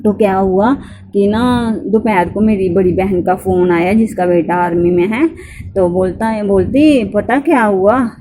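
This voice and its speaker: A woman's voice: mid-range voice, dark tone, slight background noise. A woman giving devotional testimony to a congregation, telling her story earnestly, repeating herself and often restarting her sentences. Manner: earnest storytelling, often addressing listeners directly; repetitive and halting, with frequent restarts.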